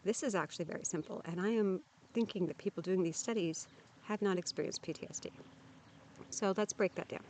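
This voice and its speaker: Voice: mid-range voice, fairly quick, darkish tone, slight background noise. A vlogger talking candidly to camera outdoors at a campsite, sharing lived experience in a frank, earnest, plainspoken way with frequent restarts. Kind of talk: candid personal talk to camera.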